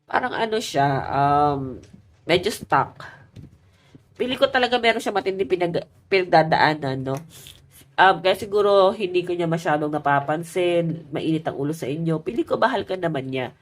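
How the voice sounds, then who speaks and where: A woman's voice: fairly low pitch, lively intonation, moderate pace. A woman giving a casual love tarot reading, chatty and talking straight to her viewers, her voice stuffy and nasal from a cold. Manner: chatty, addresses viewers as guys. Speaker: tarot reader.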